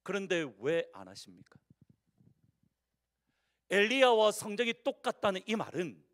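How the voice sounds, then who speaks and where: A male pastor from Busan, South Korea, preaches a sermon in a church sanctuary with a high-sitting voice and a Busan Korean accent. He poses questions to the congregation and swings between loud declarations and hushed endings.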